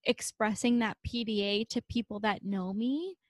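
A young woman co-hosting a podcast, chatting in a relaxed, wandering way with fillers and casual swearing. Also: medium pitch, normal speed, no room sound, studio quality. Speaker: podcast co-host. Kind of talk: casual chat.

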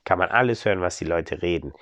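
A man improvising a bedtime story for a child, in an animated storytelling manner. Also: sits low, fast, no room sound.

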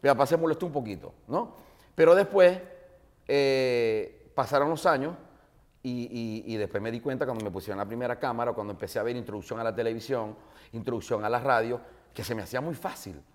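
A man in his forties with a Maracaibo Venezuelan Spanish accent tells stories in a relaxed interview. His pitch sits in the middle for a man. He rambles a little, uses lots of fillers and keeps slipping in jokes. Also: fairly quick. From Zulia, Venezuela. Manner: animated, jokey anecdotes with many fillers. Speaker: interview guest, broadcaster. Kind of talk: casual storytelling interview.

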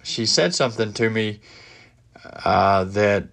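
Congested from a head cold, a middle-aged podcast host talks on his own from his home office, stumbling through fillers and restarts. His lowish voice is creaky, with a fairly bright tone.

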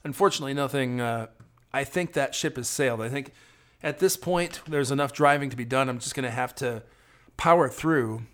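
A man's voice: medium pitch, brisk, a bit bright. A man giving a rambling, chatty running commentary from inside his van while he drives, recorded on a phone video from a phone mounted on the dashboard. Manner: chatty and rambling, thinking aloud with many restarts. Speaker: road-trip vlogger.

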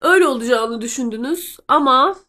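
A woman's voice: high-pitched, lively intonation, brisk, sharp tone. A woman from Turkey with a nasal, congested voice from a cold, chatting casually to her listeners as host. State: sick with a cold. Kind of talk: casual chat to listeners, translating a clip aloud.

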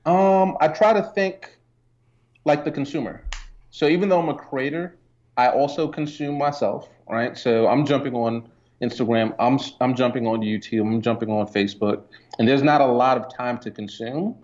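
A guest on an interview, the Jamaican entrepreneur and photographer talks at a normal speed in a mid-range voice. He stays relaxed and conversational, leaning on many fillers, and the sound quality is dull and lo-fi.

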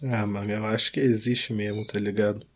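A Brazilian man with a somewhat low voice talks in a casual chat. His phrasing is informal and slangy, as between friends. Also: flat delivery, brisk.

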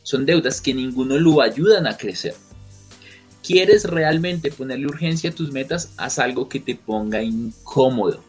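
Man, motivational coach, husky voice, pushy rhetorical questions, faint music underneath. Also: mid-range voice, animated, a little slow. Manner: emphatic, repetitive, rhetorical questions; acts out quoted people. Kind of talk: motivational talk to camera.

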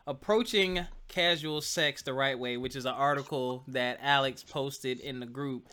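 Bright, clear-voiced man hosting casually. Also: medium pitch, a little slow. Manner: slangy, joking. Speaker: podcast host. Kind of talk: casual chat.

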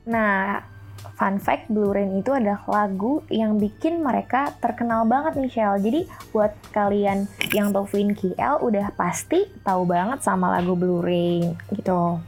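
A woman's voice: medium pitch, measured pace, darkish tone, faint music behind. A young woman hosting like a DJ, chatting informally in slang and addressing listeners as friends. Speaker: radio-style host and DJ. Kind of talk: casual chat presenting pop music trivia.

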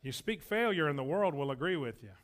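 A pastor with a drawl delivers a folksy, joking sermon. His voice sits high for a man and rings sharp and bright as he presses his points home. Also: animated, brisk. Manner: folksy, joking, emphatic preaching.

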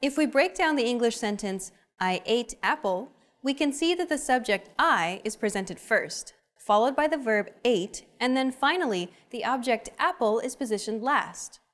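A woman with a fairly high voice hosts a beginner language lesson. She reads a prepared script in a clear, measured way. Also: expressive, fairly bright tone.

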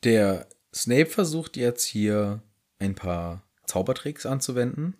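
A man's voice: medium pitch, animated, takes it slowly, a little mellow. A man co-hosting a casual podcast, teasing and reading quotes aloud with dry humor. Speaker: podcast co-host. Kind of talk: casual book discussion.

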